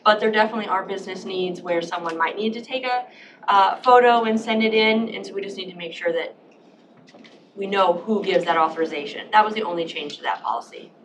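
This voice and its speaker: A woman on county staff explaining policy updates to a board, clear and explanatory with some fillers. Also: medium pitch, a little fast. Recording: distant mic with background noise.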